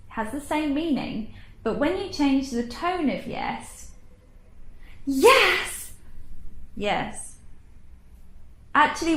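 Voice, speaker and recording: A woman teaching English speaking, explaining tone slowly and deliberately. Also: a little high, roomy sound, slight background noise. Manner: slow, deliberate teaching voice with exaggerated tone demos. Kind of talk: instructional explanation.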